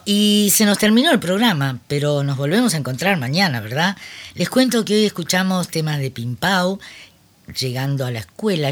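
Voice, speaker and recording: A host of a children's radio program, wrapping up the show in a chatty, friendly way. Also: mid-range voice. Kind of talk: casual radio wrap-up.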